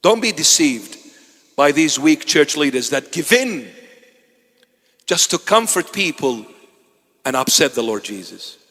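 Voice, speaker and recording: A man preaching a sermon as a bishop, swinging from loud exclamations to hushed asides with wry humor. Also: fairly high pitch, very animated, a little slow, long pauses, breathy edge. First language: Assyrian. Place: church. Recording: long church reverb.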